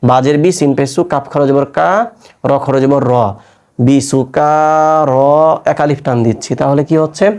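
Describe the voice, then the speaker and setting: A man teaching Quran recitation, spelling out letters and marks and then chanting each joined word in a long, drawn-out tone. He asks his listeners questions and answers them himself. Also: mid-range voice, steady tone, warm tone. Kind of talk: step-by-step recitation lesson.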